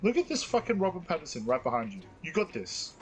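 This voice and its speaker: A man hosting a gaming livestream, loud and frustrated, swearing in outbursts as he plays. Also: fairly high pitch, very animated, quick pace. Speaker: game streamer and host. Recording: game music behind.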